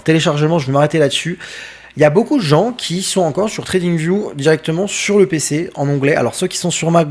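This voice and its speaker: A man's voice: on the high side, darkish tone. Casual French man giving a tutorial. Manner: casual, many fillers, addresses viewers directly. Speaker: trading educator. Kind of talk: screen-share software tutorial.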